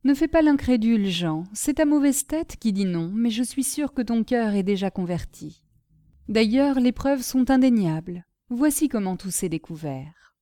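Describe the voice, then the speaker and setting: A woman voicing a kindly old male marquis who speaks to his nephew in an indulgent, gently teasing way. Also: fairly high pitch, animated, normal speed, no room sound, studio quality, close to an everyday voice.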